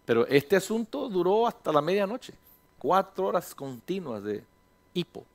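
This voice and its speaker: A male pastor preaching a sermon in a lively storytelling manner, slipping English phrases into his talk and acting out little dialogues. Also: high-pitched. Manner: mixes English phrases into Spanish, acts out dialogues; slows down to stress words, then speeds up.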